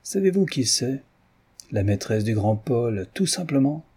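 Audiobook: male narrator playing a brusque, self-important inspector with a dark, husky voice. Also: mid-range voice, sing-song, measured pace. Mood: gruff. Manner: gruff, blunt. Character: brusque, boastful middle-aged police inspector.

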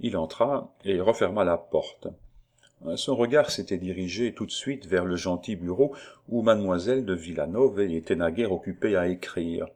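Low-voiced man narrating a novel. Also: normal speed, a little mellow. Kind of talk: audiobook narration.

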